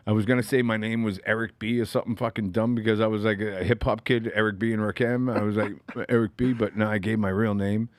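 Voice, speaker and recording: A man's voice: on the low side, steady tone, quick pace, few pauses, no room sound, studio quality. A middle-aged man from the Boston area telling a long story in casual chat, swearing freely and acting out the voices in it. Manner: profane, laughing, acts out voices in his stories.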